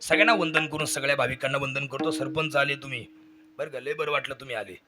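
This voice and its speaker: A man's voice: mid-range voice, quick pace. A man giving a humble, folksy thank-you speech at the close of a devotional kirtan, often asking the crowd to agree with him. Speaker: kirtan performer.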